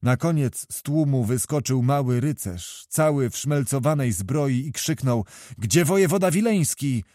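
A male audiobook reader narrating a historical novel in a measured, even way. His voice sits at an ordinary middle pitch and the recording sounds dry and close. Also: no echo.

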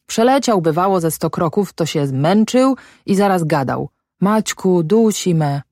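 A woman's voice: lowish voice, lively intonation, unhurried, dark tone, no echo, studio quality. A woman voicing a plain old shepherd who tells things in a blunt, rustic way in an audiobook. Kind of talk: audiobook character voice.

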